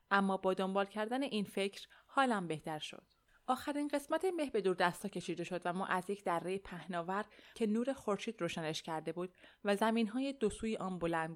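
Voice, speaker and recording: Calm woman reading a novel aloud. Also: mid-range voice. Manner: calm, measured storytelling. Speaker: audiobook narrator.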